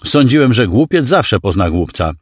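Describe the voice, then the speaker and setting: A man's voice: mid-range voice, big pitch swings, normal speed, breathy edge, dry recording, studio quality. A man voicing a cruel male alien clone villain who mocks and threatens in a condescending, menacing way. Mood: mocking menace. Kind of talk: audiobook character voice.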